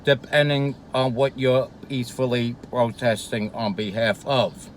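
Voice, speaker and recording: Slow, rambling New man eating. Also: mid-range voice, flat delivery, a little hiss or hum, poor audio. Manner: profane, meandering, hesitant fillers. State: eating while talking. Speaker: vlogger. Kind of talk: rambling casual monologue. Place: street near a Brooklyn diner.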